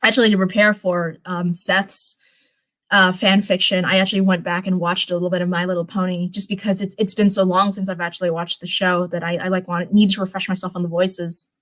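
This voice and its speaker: This livestream host speaks in a fairly low, a bit bright voice that moves little in pitch and runs fairly quick. Reading fan fiction aloud, she drifts into rambling, informal commentary and often backs up to fix what she just said.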